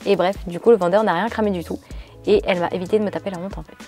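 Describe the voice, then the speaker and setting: A woman vlogger chatting casually, reading out viewers' stories and reacting to each one in an animated way. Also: mid-range voice, racing, faint music behind.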